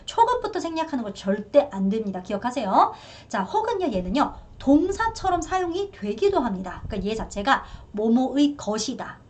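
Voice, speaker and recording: A woman teaching a beginner's language lesson, drilling words slowly and repeating them, with light laughter at her own slips. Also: high voice. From Korea. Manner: lively, drills words in slow repetition.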